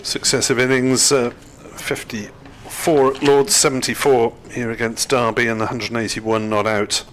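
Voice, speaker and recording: A man giving live cricket commentary in a measured, hesitant, dryly humorous manner. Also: medium pitch, flat delivery, a bit bright, a little hiss or hum.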